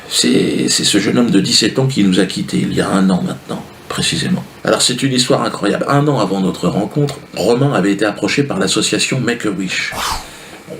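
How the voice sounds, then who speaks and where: Male comedian, rambling slangy monologue, roomy sound with faint noise. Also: mid-range voice. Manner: casual, slangy, rambling with fillers. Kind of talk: comic storytelling monologue.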